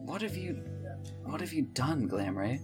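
A man voicing a weary adult woman who calmly questions an old friend. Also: a little high, measured pace, soft background music, voice pushed up. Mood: reproachful.

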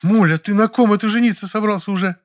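A fussy older housekeeper, doting and quick to take alarm, as a male narrator puts her on. She laments and rattles through her words in a raised, higher voice. It is a storybook voice with a fretful edge. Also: lightly acted. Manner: lamenting, rapid patter.

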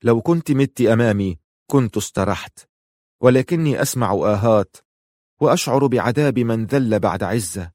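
A man narrating an audiobook in a measured, literary reading style. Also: medium pitch, expressive, a little mellow, no room sound, studio quality.

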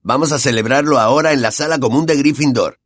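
A man's voice: medium pitch, fast talker, dry recording, studio quality, pitched above the performer's own voice, close to an everyday voice. A man voicing an eager teenage boy in an audiobook, urging others along.

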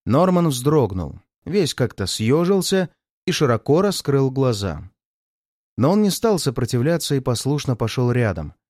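A man narrating a detective story as an audiobook reader, with expressive storytelling. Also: mid-range voice, normal speed, no room sound, studio quality. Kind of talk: scripted narration.

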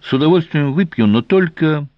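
A man voicing a shrewd male royal guardian who speaks with measured, elaborate politeness, in a dry, slightly dull audiobook recording. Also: fairly high pitch, expressive, no room sound, pitched above the performer's own voice, close to an everyday voice. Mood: courtly.

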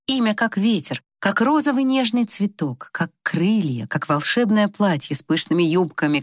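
A woman narrating an audiobook in a measured, expressive storytelling manner. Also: lowish voice, dry recording, clean studio sound.

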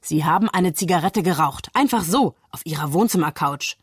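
A woman's voice: fairly low pitch, lively intonation, normal speed, slightly rough, dry recording. A woman voicing a gaunt, nervous male prosecutor who cuts in indignantly, read in a dry studio. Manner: interrupting, indignant. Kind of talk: literary reading.

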